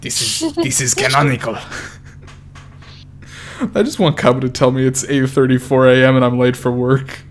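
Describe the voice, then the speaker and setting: A man's voice: mid-range voice, animated, normal speed. A young man streaming, reading a visual novel aloud with joking, profane asides over a faint hum. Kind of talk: casual game stream reading and banter.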